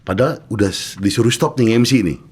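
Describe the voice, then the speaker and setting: A man's voice: on the low side, fairly quick, darkish tone, slightly rough. A man hosting a podcast, casually prompting his guest with short questions. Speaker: podcast host.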